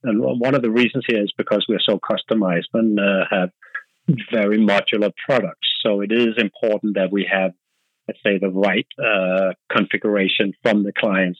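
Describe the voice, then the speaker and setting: Speaking at a normal speed in a lowish, steady voice, this Danish-accented man from Denmark is a marketing director guesting on a laid-back podcast. The recording has no echo but sounds dull. He hesitates a lot, thinking out loud through many fillers and false starts.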